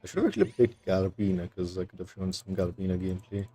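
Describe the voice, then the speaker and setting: A game streamer with a low, steady, warm voice talks fast as he plays, offering casual, rambling, laid-back commentary. Faint game music sits in the background.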